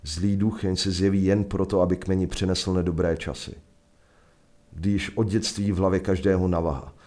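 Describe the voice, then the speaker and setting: A Czech man telling a first-person adventure story in a measured, vivid narration. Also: sits low, little pitch movement, darkish tone. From Czech Republic.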